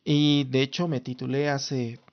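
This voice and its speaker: Speaking unhurriedly and flatly in a mid-range voice, this thirtysomething podcast host from Mexico City talks solo and casually with a Mexican Spanish accent. His style is formal and lawyerly, full of restarts, and the recording has its highs cut off.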